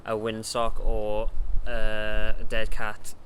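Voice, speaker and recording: A young adult man, an audio gear reviewer, tests a microphone outdoors in a windy garden, using a shotgun mic or handheld recorder on a stand with wind hitting it. His voice is lowish and fairly bright, his delivery completely flat and slow. He rambles casually and hesitantly.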